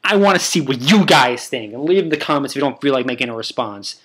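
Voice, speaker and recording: A man's voice: mid-range voice, expressive, fast talker, a bit bright, slightly rough. A young man hosting a casual video, talking in a crude, rambling, joking way. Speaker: video host. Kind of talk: casual vlog commentary.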